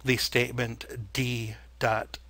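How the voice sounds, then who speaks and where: Male tutorial narrator, crisp bright edge, dictating manner with clearly parted phrases, very dry close recording. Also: medium pitch, little pitch movement, takes it slowly, dry recording. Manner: dictating code symbol by symbol, in separated phrases. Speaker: software tutorial instructor.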